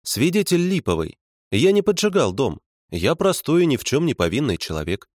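A man's voice: medium pitch, sing-song, normal speed, darkish tone, no room sound, studio quality, voice pushed up. A man voicing a fanatical, embittered male prisoner who spits out spiteful accusations. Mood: sneering.

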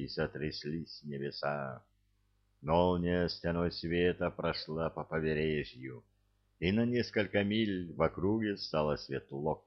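A man reads an audiobook in a measured, dramatic storytelling manner. His voice is very low and gravelly, and he takes his time. The recording sounds dull and lo-fi. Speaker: audiobook narrator. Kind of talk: audiobook reading.

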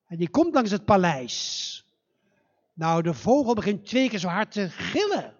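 A man telling a fairy tale live in a church, in a slow, dramatic and animated way. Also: high voice, breathy edge, lo-fi sound. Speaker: storyteller.

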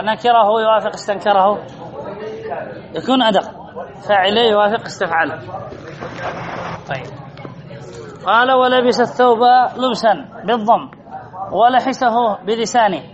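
High-voiced sheikh teaching a class. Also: male voice, highs cut off. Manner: reads a phrase, then explains it, repeating key words and asking the class questions. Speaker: sheikh teaching Arabic morphology. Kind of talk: classroom lesson explaining a text line by line.

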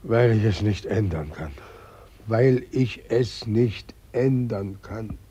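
An actor playing a weeping old god whom nobody believes in anymore, in a vintage radio play. He sounds gravelly and plaintive. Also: on the low side, lively intonation, slow, dark tone, heavily acted. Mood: lamenting. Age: older. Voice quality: gravelly, husky, tearful and plaintive. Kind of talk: 1940s radio acting.

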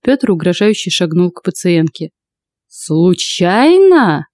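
A woman narrating first-person fiction for an audiobook in a calm, even storytelling voice. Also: on the low side, fairly quick, no room sound.

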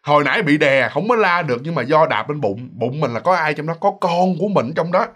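A man tells a ghost story to his listeners. His voice sits high and swoops through a wide range as he chats along, and he slips into the voices of the people in the story. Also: brisk, breathy edge. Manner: chatty and animated, addresses listeners directly, acts out voices.

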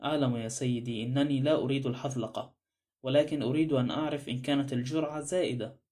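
A man's voice: mid-range voice, fairly even intonation, fast, a little mellow, lightly acted. A man reading a blunt, prying detective. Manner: blunt, probing. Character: blunt suspicious male ex-detective.

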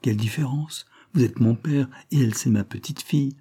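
A man doing a gentle young farm girl, raised voice. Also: mid-range voice, brisk, slightly rough, voice pushed up. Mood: tender. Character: twelve-year-old farm girl, devoted and gentle.

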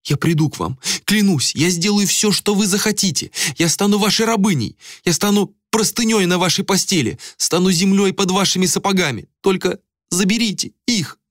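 A man's voice: on the high side, big pitch swings, normal speed, fairly bright tone, slightly rough, no echo, clean studio sound, voice pushed up, full character voice. A man voicing a desperate young woman who pleads frantically, in an audiobook.

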